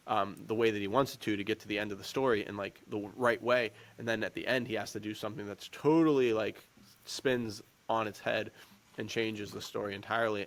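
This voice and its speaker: Talking films on a podcast he co-hosts, this man rambles informally and uses plenty of slang in a casual chat. His pitch runs lowish, and his tone is fairly bright.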